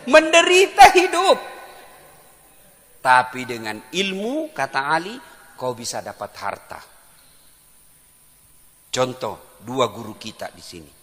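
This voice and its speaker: A man's voice: medium pitch, expressive, unhurried, pauses often, sharp tone. A man giving a humorous sermon at an Islamic boarding school, exclaiming and laughing at his own jokes. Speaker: preacher. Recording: reverberant hall.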